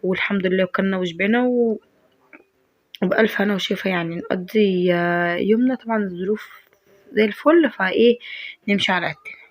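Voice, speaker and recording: A woman's voice: medium pitch, brisk, pauses often, dry recording, lo-fi sound. A woman with an Egyptian accent chatting casually through a cooking vlog, her voice stuffed up by a head cold. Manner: chatty, talks to viewers directly. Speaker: home cook vlogger.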